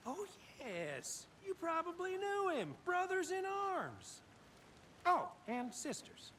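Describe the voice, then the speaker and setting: An actor playing a chatty, gossipy small-town local in a video game, talking in a folksy, sing-song way. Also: male voice, very high voice, wildly swooping pitch, takes it slowly, bright, forceful tone, slight background noise, exaggerated voice.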